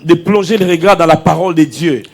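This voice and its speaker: A male pastor delivering a sermon in short phrases, pausing between them for an interpreter. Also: fairly high pitch, over a noisy crowd.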